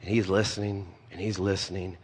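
Pastor preaching in a reverberant hall. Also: male voice, low voice, little pitch movement, fairly quick, husky. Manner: conversational, storytelling with asides. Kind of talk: sermon.

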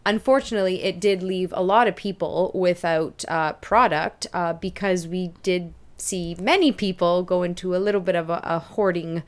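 A woman's voice: fairly low pitch, steady tone, moderate pace, hardly any pauses. A woman from Canada, a dietitian, chatting casually as a podcast co-host in a basement. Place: indoors in a basement, not a studio.

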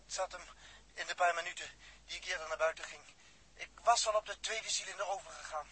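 Dirk, a brooding, self-sacrificing astronaut. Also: male voice, high voice, fast, slightly rough, heavily acted, low-quality recording. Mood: weakening. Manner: reflective, quiet, grows breathless and faint. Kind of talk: vintage radio drama acting.

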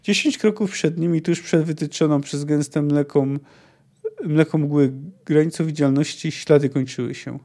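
Podcast host, man reading a novel aloud with asides; mellow, slightly higher voice. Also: moderate pace. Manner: expressive reading, casual asides.

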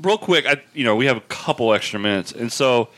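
A man's voice: mid-range voice, expressive, fairly quick, a bit bright. A man co-hosting a podcast in casual chat, rambling and laughing as he tells a story. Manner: rambling, laughs while telling stories. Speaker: podcast co-host.

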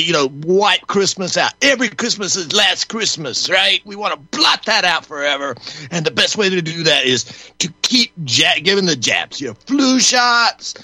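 A man's voice: high voice, pushed and bright, no echo, exaggerated voice. A man voicing a rambling, scheming middle-aged male conspirator who fills his talk with "you know.". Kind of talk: comedic call-in role-play.

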